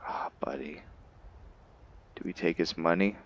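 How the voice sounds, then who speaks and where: A man with a low, unhurried voice casually narrates his video game roleplay as a gaming host playing a character, thinking aloud in fragments. The audio has its high frequencies cut off.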